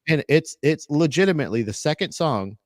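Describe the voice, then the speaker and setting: A man's voice: fairly high pitch, animated, fairly quick, dry recording, studio quality. A man co-hosting a casual podcast, laid-back and swearing casually. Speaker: podcast co-host.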